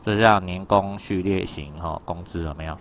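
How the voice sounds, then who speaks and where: A Japanese teacher with a deep voice leads an exam reading lesson at a moderate pace. He explains things in a relaxed, chatty style and keeps checking whether his students are following.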